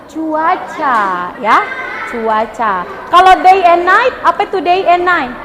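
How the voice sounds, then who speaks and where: A young woman from Indonesia tutoring children at a library read-aloud, switching between Indonesian and English and reading the story slowly and clearly. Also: extremely high pitch. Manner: mixes English and Indonesian, slow deliberate reading. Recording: chatter of children around the speaker. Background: noisy group of children.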